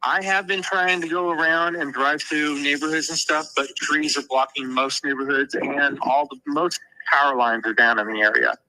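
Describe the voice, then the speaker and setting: Bright man heard over a speakerphone. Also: fairly high pitch, steady tone, rough recording. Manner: halting, searches for words. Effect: speakerphone call. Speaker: storm spotter. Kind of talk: live damage report by phone.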